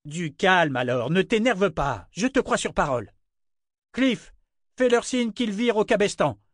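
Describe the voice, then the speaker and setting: A man voicing a steady male crew foreman who gives calm, firm orders. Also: sits high, a little slow, dry recording, clean studio sound, pitched above the performer's own voice, exaggerated voice. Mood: soothing. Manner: calming, firm, commanding.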